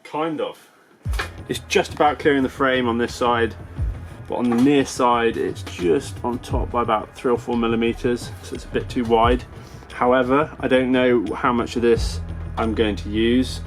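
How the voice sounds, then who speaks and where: A man's voice: medium pitch, steady tone, moderate pace. A man narrating his car build in a garage workshop, matter-of-fact and a little self-deprecating. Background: music in the background.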